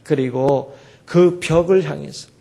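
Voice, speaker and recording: A pastor preaching a sermon, emphatic and rising to loud exclamations to his church. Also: a little high, takes it slowly, creaky.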